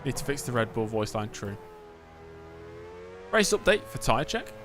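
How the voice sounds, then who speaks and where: A man's voice: medium pitch, sing-song, normal speed. Male streamer chatting over a racing game, music behind. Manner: talks to chat and mutters to himself. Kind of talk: casual live gaming commentary with chat replies.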